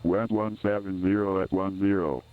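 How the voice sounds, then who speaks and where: Deep man on an airport weather broadcast. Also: fairly even intonation, normal speed. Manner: clipped, evenly paced reading of numbers. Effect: airport weather broadcast over radio. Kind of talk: recorded weather and runway report read in a loop. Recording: tinny narrow-band radio audio.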